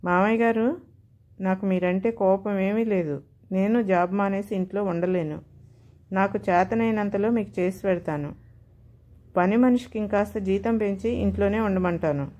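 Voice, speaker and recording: A woman's voice: medium pitch, normal speed, mellow, muffled recording, natural voice. A woman voicing a proud young working wife who argues heatedly with her husband. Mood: earnest. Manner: heated, indignant pleading.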